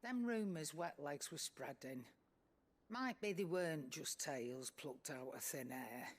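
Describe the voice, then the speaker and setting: In this video game dialogue, a gruff, shrewd old female trader named Nan makes a wry confession. Her low voice is expressive and unhurried, her manner blunt, folksy and no-nonsense, with music behind her.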